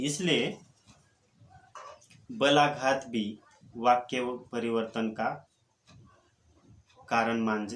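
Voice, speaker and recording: A man giving a college Hindi lecture, explaining step by step in a deliberate way, with frequent pauses and fillers. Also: medium pitch. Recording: echoey room with faint noise.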